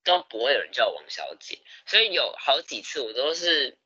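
A young man, telling stories in a casual podcast chat, animated and laughing often. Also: medium pitch, fairly quick, breathy edge, no echo, muffled recording. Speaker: podcast co-host.

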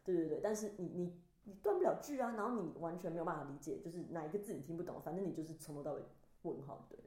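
A woman co-hosting a casual chat podcast, telling lively stories and acting out the scenes she describes. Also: fairly low pitch, very fast. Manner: animated storyteller, acts out scenes. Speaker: podcast co-host. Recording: roomy echo.

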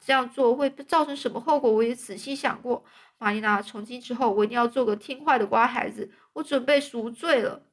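A woman voicing a dramatic, talkative young orphan girl who pleads and rushes her words in a storybook reading. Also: on the high side, voice pushed up, close to an everyday voice. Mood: earnest. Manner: emotional, pleading, breathless rush of words.

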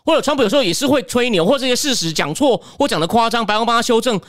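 A man with a Taiwanese Mandarin accent delivers opinionated political commentary alone, pressing the viewer with rhetorical questions. His voice sits unusually high and he talks at a rapid clip. The sound is close and dry, with almost no room around it. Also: animated, fairly bright tone, no echo.

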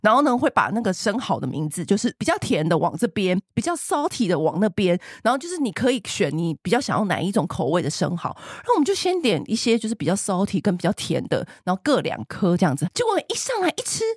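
A woman, co-hosting a podcast and telling a travel story in a gushing, animated way. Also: mid-range voice, fast talker, hardly any pauses, husky, dry recording, clean studio sound. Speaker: podcast co-host. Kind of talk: casual chat, travel storytelling.

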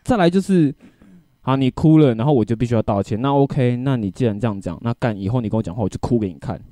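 A man's voice: mid-range voice, fast, no room sound, studio quality. A man, venting in casual podcast chat, swearing often and checking that his listener follows. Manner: animated venting, swears often, keeps asking if you get it. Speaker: podcast co-host.

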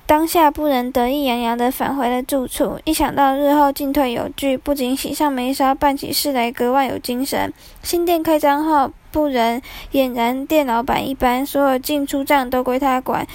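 A woman storyteller narrating a folk tale in a vivid, expressive manner. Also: sits high, normal speed, few pauses, dry recording.

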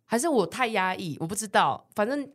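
A woman's voice: medium pitch, a little fast. A woman, co-hosting a podcast and telling a story in a casual chat, laughing often and acting out what others said. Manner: animated storyteller, swears, laughs often, acts out quoted people. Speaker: podcast co-host.

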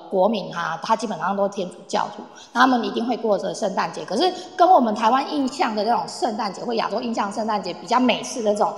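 In a mid-range voice with vocal fry, a woman guest speaker gives an informal, teacher-like explanation of Polish culture straight to her listeners. The talk is for a live online audience in a reverberant audio room, and the sound is echoey with a long reverb.

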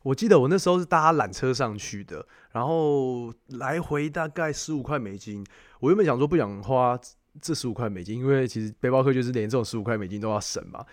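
A man's voice: medium pitch, lively intonation, a little fast, dry recording, studio quality. A man with a Taiwanese Mandarin accent telling travel stories in a casual, conversational chat. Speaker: podcast host.

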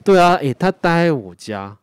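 A man co-hosting a podcast, telling stories in a lively, cursing way and acting out what others said. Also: fairly high pitch, normal speed, clean tone, no echo. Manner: animated storyteller who swears and acts out quoted friends. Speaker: podcast co-host. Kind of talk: casual chat.

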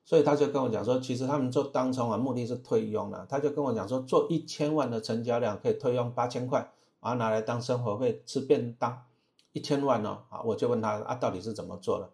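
A man's voice: medium pitch, fast talker, creaky, a little mellow. A man with a Taiwanese Mandarin accent, a stock trading teacher talking casually about investing, peppering his speech with filler sounds and rhetorical questions.

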